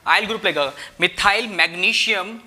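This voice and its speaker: Bright-voiced young male chemistry teacher. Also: high-pitched, moderate pace. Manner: repeats "theek hai" and asks rhetorical questions; addresses students as "bhai". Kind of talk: explaining at a whiteboard, Hindi-English mix.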